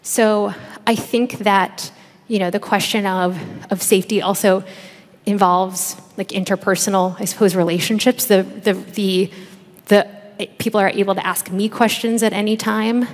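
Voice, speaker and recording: A woman's voice: mid-range voice, fairly even intonation, moderate pace. Woman, 30s, panel researcher; searching, filler-heavy delivery; big reverberant hall. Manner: thoughtful, many fillers and restarts. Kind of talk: panel discussion answer. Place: large conference stage. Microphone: headset mic. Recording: long reverb of a large hall.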